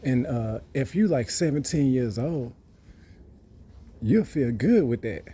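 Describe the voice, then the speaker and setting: A man talks in a rambling, boastful monologue and circles back over the same points. His voice is dark and mellow. A faint hiss sits behind him. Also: mid-range voice, animated, slow pace. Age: 30s. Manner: rambling, boastful, repeats himself. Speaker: vlogger. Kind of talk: casual monologue.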